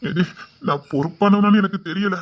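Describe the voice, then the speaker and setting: A man's voice: high voice, dull audio, lightly acted. A man playing a guilt-ridden, tender husband. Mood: anxious. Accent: Tirunelveli Tamil. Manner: anxious, pleading, cries and slows when upset. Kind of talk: web series family drama.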